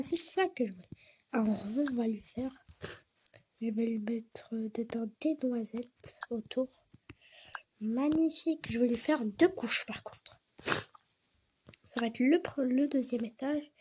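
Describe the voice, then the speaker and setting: A woman's voice: fairly high pitch, unhurried, long pauses, a little mellow, a little hiss or hum. A woman narrating her doll-house game role-play, often dropping into whispered asides.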